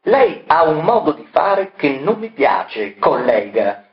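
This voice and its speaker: A man's voice: fairly high pitch, big pitch swings, slow, pitched above the performer's own voice, full character voice. A man voicing a pompous, flustered doctor who stammers in indignation. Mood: indignant. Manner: stammering, indignant, self-important. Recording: echoey, dull, with soft music.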